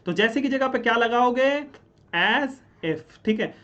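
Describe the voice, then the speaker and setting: A man's voice: very high voice, expressive, measured pace, sharp tone, lo-fi sound. A man teaching English grammar, asking a question and then answering it himself. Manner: explains step by step, asks and answers his own questions; keeps checking in with "ठीक है?". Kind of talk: classroom-style grammar lesson.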